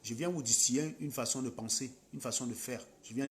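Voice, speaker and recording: A man's voice: mid-range voice, brisk, a little hiss or hum. A man with a Cameroonian French accent, talking to his viewers on a late-night live stream and scolding commenters. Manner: scolding, combative, mocking commenters.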